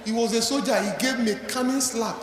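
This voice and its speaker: High-pitched Nigerian man speaking in echoing hall. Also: quick pace. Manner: emphatic, rhetorical questions and repetition; slips into Pidgin and Yoruba. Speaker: motivational speaker. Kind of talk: motivational seminar speech. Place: large event hall before an audience. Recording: echoey hall PA, crowd, faint noise.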